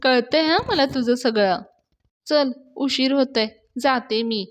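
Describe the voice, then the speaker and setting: A woman's voice: sits high, slow, voice pushed up. A woman voicing a cheerful young woman who teases affectionately and mixes in English words.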